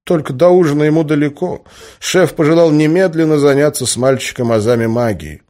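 A man's voice: fairly high pitch, a little fast, dark tone, voice pushed up, lightly acted. A man doing a chatty jovial magician guy. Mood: rambling. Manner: rambling, chatty, folksy. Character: jovial middle-aged male magician colleague.

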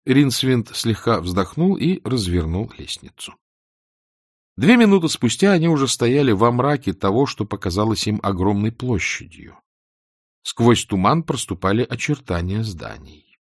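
A man narrating an audiobook in an expressive, varied reading. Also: medium pitch, normal speed, dry recording, studio quality. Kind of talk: scripted narration.

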